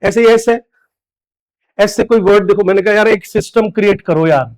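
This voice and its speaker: High-voiced man teaching grammar. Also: fairly quick, a little mellow. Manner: drills students with repeated questions, very high-pitched. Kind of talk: classroom lecture.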